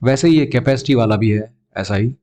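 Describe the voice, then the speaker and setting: A man's voice: mid-range voice, fairly quick, dark tone. A male teacher with an Indian English accent walks young students through a math lesson. His voice sits mid-range, and he keeps asking questions, then answering them himself in a patient classroom tone. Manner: addresses students as beta, asks and answers his own questions.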